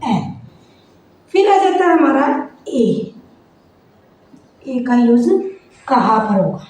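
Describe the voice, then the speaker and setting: Slow, high-voiced woman teacher. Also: big pitch swings, darkish tone. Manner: slow, repeats questions and answers them herself. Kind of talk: classroom grammar lesson. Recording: very echoey room, faint noise.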